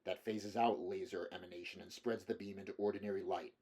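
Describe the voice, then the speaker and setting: Man reading a curt, low-voiced bounty hunter. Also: steady tone, a little fast, darkish tone, husky. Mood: terse. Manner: terse, dismissive.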